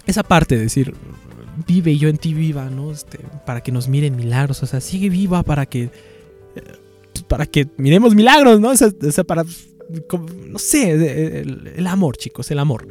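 A man's voice: on the high side, moderate pace. A man with a Mexican accent reads a baroque poem aloud with feeling, then comments on it casually to his viewers. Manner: expressive, swinging between soft and loud, animated asides to viewers. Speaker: poetry reader and commentator. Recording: long reverb with faint music.

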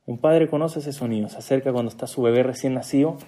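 A man with a mid-range, dark-toned voice delivers a storytelling sermon at a quick pace. He acts out the dialogue he quotes and tosses joking asides to his listeners.

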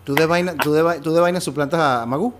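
A man with a Venezuelan accent hosting a casual chat, firing off quick slangy reactions and questions. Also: a little high.

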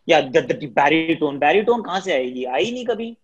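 On a husky, lo-fi recording, a male cricket commentator from Delhi, whose native language is Hindi, fields interview questions. His Indian-accented delivery is shrill, brisk and full of energy, the voice of a fast talker.

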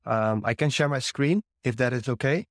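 A man's voice: mid-range voice, moderate pace, dry recording, clean studio sound. A man introducing himself as a guest, hesitant with many fillers. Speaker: guest YouTuber.

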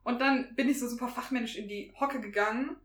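A young woman, a veterinary student, casually telling an animated story, acting out what people said and swearing now and then. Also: fairly high pitch, brisk. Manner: animated storyteller, acts out quotes, laughs, swears. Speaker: veterinary student, podcast co-host. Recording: roomy, echoey room.

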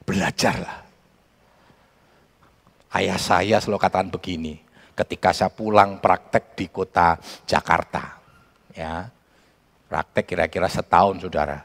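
A man with a Javanese accent preaching a sermon as pastor, telling animated stories and acting out what people said. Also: deep voice, vocal fry. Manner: animated storytelling, acting out quotes. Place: church. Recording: church hall reverb.

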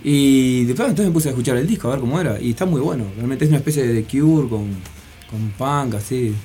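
Mellow-voiced man, rambling. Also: mid-range voice, brisk, faint music behind. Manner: rambling, hesitant, many fillers. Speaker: guest musician. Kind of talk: casual radio interview.

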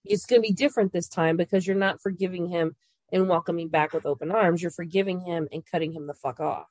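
A woman's voice: fairly low pitch, steady tone, quick pace, a little mellow, dry recording. A woman co-hosting a podcast, a mother giving earnest, blunt advice in casual chat. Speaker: podcast co-host.

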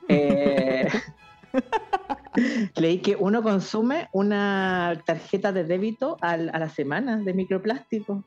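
A woman's voice: medium pitch, lively intonation, slow, darkish tone. A young adult woman with a Chilean accent, chatting casually as a podcast co-host, joking and rambling in heavy slang. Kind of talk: casual chat. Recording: dull lo-fi sound with faint music.

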